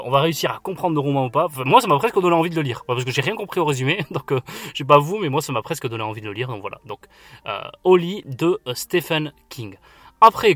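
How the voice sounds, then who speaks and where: A man's voice: mid-range voice, fairly bright tone, dry recording. Chatty man hosting a book podcast. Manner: chatty, enthusiastic, frequent fillers and "voilà". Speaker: podcast host. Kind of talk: casual book podcast chat.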